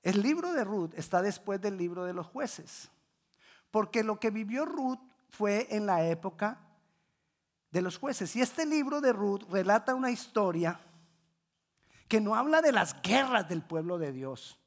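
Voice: mid-range voice, animated, measured pace. A Bible class teacher retelling a scripture story, repeating phrases for emphasis, correcting slips mid-sentence and quizzing the class. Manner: repetitive, emphatic teaching, asks the class questions.

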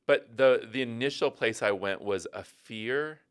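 A man's voice: mid-range voice, unhurried, clear, resonant tone. A middle-aged man, a pastor co-hosting a podcast, speaking thoughtfully with frequent restarts. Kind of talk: casual podcast conversation.

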